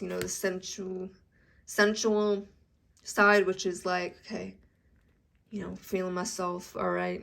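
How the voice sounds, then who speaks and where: This young woman's lowish voice is gravelly and a little congested from allergies. She gives a chatty, casual tarot reading to camera, full of "okay?" check-ins.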